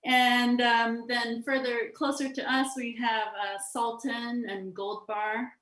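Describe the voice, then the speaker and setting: A woman's voice: on the high side, level tone, slow, fairly bright tone. A woman filmmaker talking casually in a festival question-and-answer session, restarting sentences and laughing often. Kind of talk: festival Q&A conversation. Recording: roomy echo.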